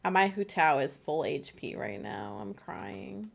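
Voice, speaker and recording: A woman's voice: mid-range voice, measured pace, vocal fry. A woman streaming a game live, chatting bubbly and giggly with her co-op partner. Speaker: livestreamer. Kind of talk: casual gameplay chat.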